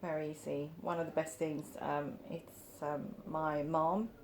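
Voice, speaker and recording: Brief: woman in her forties, grew up in Sweden, lowish voice, measured and hesitant answers with ums, faint room ambience behind. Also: flat delivery, slight background noise. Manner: thoughtful, hesitant, with frequent ums and light laughs. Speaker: artist, interview guest. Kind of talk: casual interview answers.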